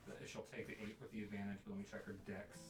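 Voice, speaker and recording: A man's voice: lowish voice, monotone, racing, far from the mic, music in the background. A man running a tabletop game as dungeon master, chatty and laughing often. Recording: roomy, off-mic.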